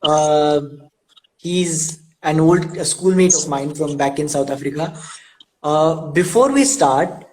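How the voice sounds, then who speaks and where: A man's voice: a little high, takes it slowly, a little hiss or hum, rough recording. A young man hosting a casual interview over a video call, laughing often and stumbling over repeated words. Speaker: host.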